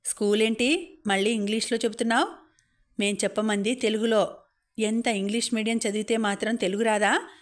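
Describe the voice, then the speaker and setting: A woman's voice: fairly high pitch, steady tone, a little fast, natural voice. A woman reading the parts of teasing male college seniors in an audiobook, speaking in a mocking, bossy way.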